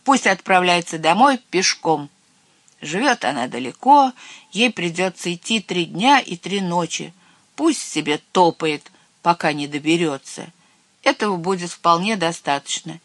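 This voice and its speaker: A stern, powerful chief witch booms out her orders and scoldings, as a storyteller puts her on. Her voice is loud and lordly, and it stays dry and close. She sounds like a figure from a fairy-tale reading. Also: measured pace, no room sound. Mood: commanding.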